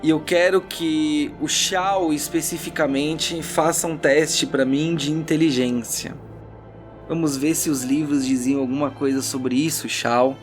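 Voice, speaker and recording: Loud background music accompanies a Brazilian man narrating a tabletop role-playing game, where dramatic, suspenseful storytelling mixes with easygoing banter. His voice is on the high side, steady in tone, and a little slow.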